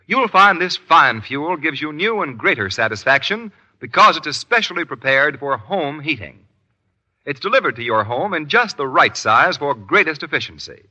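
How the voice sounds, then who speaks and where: Bright, animated old radio announcer man. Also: fairly high pitch, low-quality recording. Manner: emphatic, formal old radio announcer delivery. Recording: old radio broadcast with faint music.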